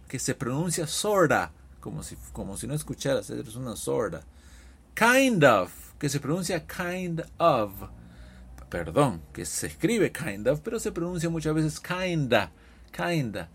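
Lively husky teacher. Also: male voice, on the high side. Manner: lively, animated explaining with drawn-out example phrases. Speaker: English teacher. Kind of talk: Spanish-language English lesson podcast.

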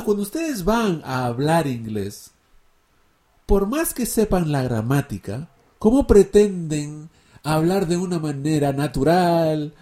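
A male English teacher explaining his method in a casual, animated spoken lesson, acting out examples and asking rhetorical questions. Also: a little high.

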